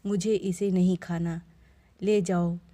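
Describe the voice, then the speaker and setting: A woman doing a grumbling old mother-in-law who scolds and complains at every turn. The storytelling voice stays low, slow and mellow. It is a sharp-tongued elder in a spoken family tale. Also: flat delivery. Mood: scolding.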